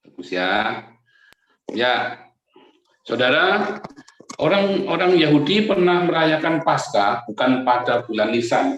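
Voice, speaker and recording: A man's voice: medium pitch, a bit bright. A male pastor giving a chatty sermon, his voice echoing strongly as in a large hall, often turning to his listeners with a tag question. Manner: chatty, keeps addressing listeners as brothers and sisters with a tag "right?". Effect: strong echo like a big church hall. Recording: echoey room sound.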